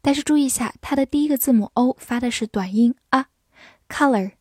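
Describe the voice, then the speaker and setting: A woman's voice: high-pitched, mellow, no room sound, clean studio sound. Patient woman teaching English words. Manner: patient, spells letters out and repeats slowly. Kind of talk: vocabulary lesson, spelling and slow read-alouds.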